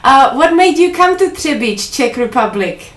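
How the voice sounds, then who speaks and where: A woman who teaches English and hosts a video blog, presenting in a clear, measured way and asking interview questions. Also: sits high, very animated, far from the mic. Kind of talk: scripted intro, then interview questions.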